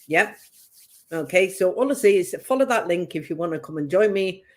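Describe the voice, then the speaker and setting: Her voice is on the low side and darkish, with lively intonation and a moderate pace. Hosting a chatty psychic reading stream, she rambles in a light northern English accent with a bit of Geordie and laughs often.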